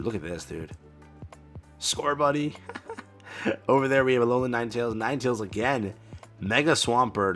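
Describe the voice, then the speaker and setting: A man who hosts a card-game channel gives excited, casual reaction commentary packed with exclamations and slang like "bro" and "dude." His voice is on the lower side.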